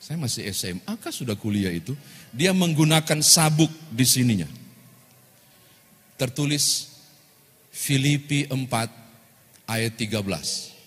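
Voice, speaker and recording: A male pastor, giving a lively sermon and joking with the congregation. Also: medium pitch, unhurried, pauses often, husky. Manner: lively storytelling, jokes with congregation. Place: church hall. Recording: long church-hall reverb.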